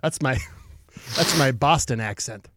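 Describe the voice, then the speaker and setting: Deadpan joking male podcast co-host. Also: medium pitch, dry recording, studio quality. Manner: quick deadpan jokes and silly wordplay. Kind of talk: casual comedy podcast banter.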